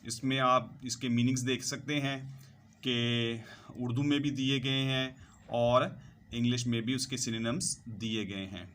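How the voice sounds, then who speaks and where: A man's voice: medium pitch, fairly even intonation, unhurried, a bit bright, a little hiss or hum. A male English teacher, talking over slides and listing word meanings and synonyms one by one. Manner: lists synonyms one by one, repeats "ठीक है जी". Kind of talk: slow vocabulary lesson over slides.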